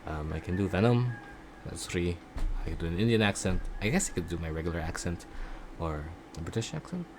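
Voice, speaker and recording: A man chatting casually in a video diary about his voice acting classes, rambling and halting, often poking fun at himself. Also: deep voice, animated, background noise. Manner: self-deprecating. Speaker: voice acting student vlogger.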